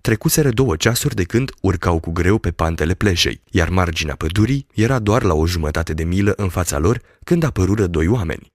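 A man reading a classic novel aloud as an audiobook, in steady, measured storytelling narration. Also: deep voice, no echo, clean studio sound. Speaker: audiobook reader. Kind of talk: scripted literary narration.

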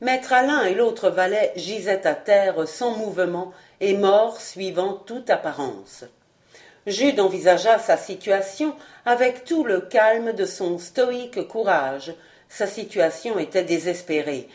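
A woman reads a classic novel aloud for an audiobook. Her narration is measured and expressive, and her voice sits at a middle pitch. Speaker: audiobook reader. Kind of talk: scripted narration.

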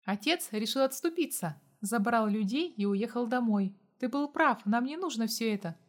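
An eager, pushy young man who gabbles and won't be shaken off, as a woman narrator reads him. The voice sits fairly high. It is an audiobook character. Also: expressive, normal speed. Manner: eager, talks in a rush.

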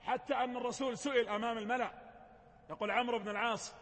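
A man's voice: very high voice, fairly even intonation, very fast, a bit bright, in a large hall. A man giving a storytelling religious lecture, retelling sacred history with colloquial explanations and light humorous asides.

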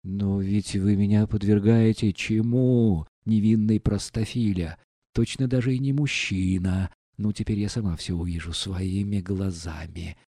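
In a storybook reading, an imperious older noblewoman scolds and flares up at every turn, as a male reader puts her on. The voice stays dark and mellow, heard close and dry with no room around it. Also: on the low side, steady tone, dry recording. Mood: agitated scolding. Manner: scolding, quick to anger.

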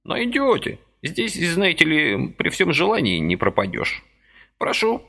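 A jittery, fussy little old man, voiced by a male reader, his voice pitched high above the reader's own and swooping all over. He sounds indignant and eager by turns, an audiobook character full of nervous energy. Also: wildly swooping pitch, unhurried, vocal fry, bright, forceful tone, heavily acted. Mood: persuasive.

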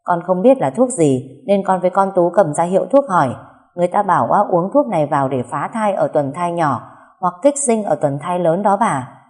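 A woman's voice: fairly low pitch, lively intonation, moderate pace, a little mellow, natural voice. A woman voicing a scheming young maidservant who tattles in an eager, insinuating way. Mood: tattling.

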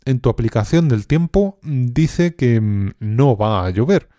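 A man teaching a language lesson, speaking calmly and deliberately with some hesitant fillers. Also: medium pitch, dry recording, clean studio sound. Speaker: Spanish teacher. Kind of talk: slow, clear language lesson.

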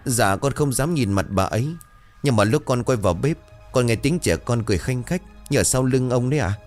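A man's voice: medium pitch, expressive, fairly quick, soft background music, voice pushed up, close to an everyday voice. A man voicing a timid young male servant who stammers politely and sounds frightened.

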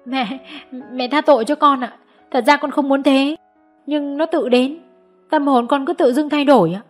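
A woman's voice: high-pitched, moderate pace, voice pushed up, natural voice. A woman voicing a lovesick teenage girl in an audiobook, pleading and choked with tears, over faint music. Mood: tearful pleading. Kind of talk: audiobook character voice.

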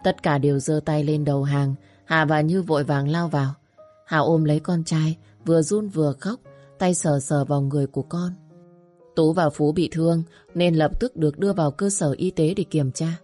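A woman with a low, deep voice reads a dramatic story in a steady, scripted manner. Faint music plays softly beneath her narration. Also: moderate pace.

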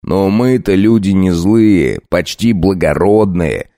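A man's voice: deep voice, animated, mellow, no room sound, studio quality, full character voice. A man voicing a sneering werewolf bandit leader. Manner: slow, sneering, gloating.

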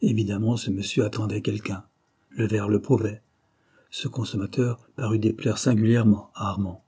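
A man reading a classic novel aloud in measured, even narration. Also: on the low side, breathy edge. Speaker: audiobook narrator. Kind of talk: scripted narration.

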